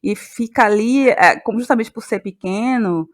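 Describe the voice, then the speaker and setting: A playwright, actress and journalist in her forties speaks reflectively as an interview guest with a Bahian Brazilian accent, building her points emphatically through repeated phrases. Her voice is fairly high-pitched and her pace moderate.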